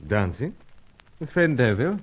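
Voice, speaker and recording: Here a low-voiced male actor plays a suave British spy in a 1950s radio drama, narrating and taking the lead role. His clipped upper-class British speech is animated, slightly rough, and moderately paced, muffled by the pipe he puffs on. The old recording has a dull sound.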